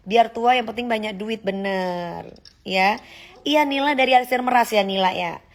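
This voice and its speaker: A woman, hosting a phone livestream, reading comments aloud and teasing her critics in a sassy, confrontational way. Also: on the high side. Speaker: livestream host.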